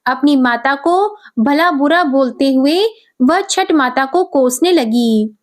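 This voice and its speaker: A woman narrating a devotional folk tale in a measured, expressive reading. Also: sits high. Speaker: storyteller.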